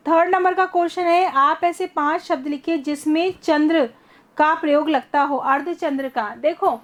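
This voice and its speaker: A woman's voice: high-pitched, moderate pace. A woman teacher giving an online class lesson, explaining step by step and asking her students questions.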